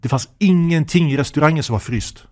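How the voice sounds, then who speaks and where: A man in his fifties, a guest imam, telling lively stories with laughter and Arabic phrases sprinkled in. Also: fairly high pitch. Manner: animated anecdotes with laughter, Arabic phrases mixed in. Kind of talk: podcast interview storytelling.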